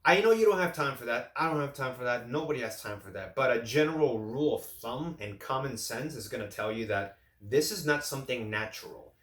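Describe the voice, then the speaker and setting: A man's voice: medium pitch, lively intonation, brisk, few pauses, a bit bright, reverberant. A man in his late thirties giving casual fitness advice straight to camera, rambling and often restarting his sentences. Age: late 30s. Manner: rambling, repeats and restarts phrases. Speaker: fitness vlogger.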